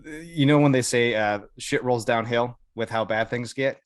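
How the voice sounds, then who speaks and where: With a mid-range voice at normal speed, this American Air Force veteran tells stories informally as a podcast guest, swearing a little and performing lines of dialogue. The recording is studio quality with no room sound.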